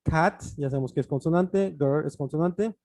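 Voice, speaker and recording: A man's voice: a little high, normal speed, a little mellow, no echo. Man, English teacher, patient online lesson, dry sound. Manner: patient explaining, with fillers and restarts.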